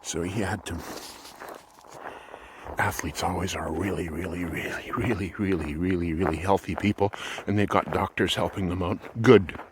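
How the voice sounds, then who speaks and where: A man's voice: low-pitched, steady tone, normal speed, heavy background noise. A middle-aged man thinking aloud in a rambling, casual vlog while walking outdoors with a handheld camera. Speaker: vlogger. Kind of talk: casual walk-and-talk vlog. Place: outdoors on a walk.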